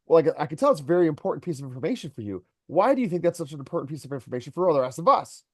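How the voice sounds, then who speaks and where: A man's voice: fairly high pitch, sing-song, rapid-fire, dry recording, studio quality. A man who owns a company, giving an employee earnest one-on-one coaching and telling stories to make his point. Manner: earnest, storytelling, mentoring.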